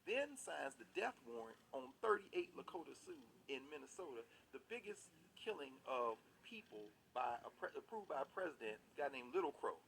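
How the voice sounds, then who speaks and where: A man talking as a guest in a casual podcast conversation, explaining with emphatic, animated storytelling. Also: a little high, moderate pace, hardly any pauses, slight background noise, poor audio.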